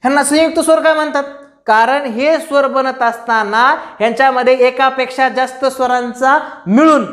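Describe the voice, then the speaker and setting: A man's voice: very high-pitched, steady tone, moderate pace, fairly bright tone. A male teacher giving a grammar lesson for exam students, repeating terms and asking the class questions. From Maharashtra, India. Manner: repetitive, drilling, questions to students.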